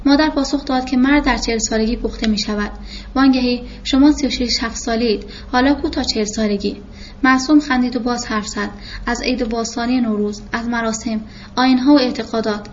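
A woman's voice: a little high, fairly even intonation. Woman reading a novel aloud. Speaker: audiobook narrator. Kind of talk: first-person novel reading. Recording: muffled with faint hiss.

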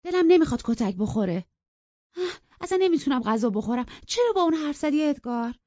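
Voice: big pitch swings, no echo. A reader doing a bossy, scolding young girl. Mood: distressed, scolding. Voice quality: high, sharp and scolding. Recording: dull lo-fi dry recording.

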